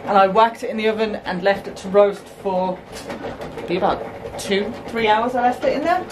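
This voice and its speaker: A woman's voice: medium pitch, normal speed. A woman in her thirties, chatting casually and explaining as she works in a small home kitchen, recorded on a camera mic. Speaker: homestead vlogger. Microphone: camera mic on the counter. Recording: noisy kitchen camera audio.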